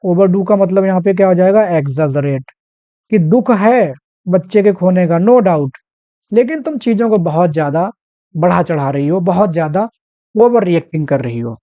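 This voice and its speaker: A literature teacher giving a line-by-line poem explanation. The teacher reads each English verse line slowly, then explains it in Hindi mixed with English. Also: mid-range voice, lively intonation, mellow, no echo, lo-fi sound.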